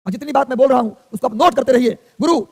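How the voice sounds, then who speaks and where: Man, exam coaching teacher, rapid-fire repetitive drilling, long room reverb. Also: extremely high pitch, vocal fry. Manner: rapid, repetitive drilling, sing-song listing. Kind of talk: energetic classroom lecture.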